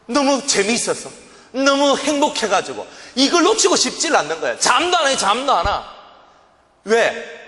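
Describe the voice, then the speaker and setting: A man preaching with a Gyeongsang accent, his high voice swooping widely as he tells his testimony with great drama. He acts out his own past pleas. The voice rings with the long reverb of a church hall. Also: bright, forceful tone. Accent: Gyeongsang Korean. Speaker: pastor. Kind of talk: sermon with vivid personal testimony. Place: church sanctuary.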